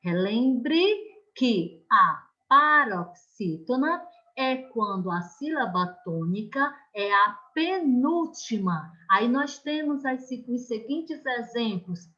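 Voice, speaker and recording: A Brazilian woman teaching an online class, explaining slowly and patiently and often checking that the children follow. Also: a little high, expressive, bright, forceful tone, lo-fi sound. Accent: Brazilian Portuguese.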